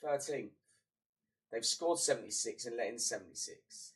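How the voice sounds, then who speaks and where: Streaming a football management game, this young man offers casual gaming commentary in a blocked-up, fading voice, muttering between bursts. He's animated, mid-range and fairly bright, speaking at normal speed. The mic is distant.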